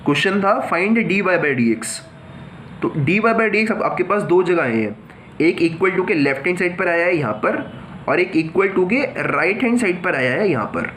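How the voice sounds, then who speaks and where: Man, math teacher, unhurried, slightly high voice, asks and answers his own questions, step-by-step explaining. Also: animated, fairly bright tone, a little hiss or hum. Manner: explains step by step, mixing Hindi and English. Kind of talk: whiteboard math lesson.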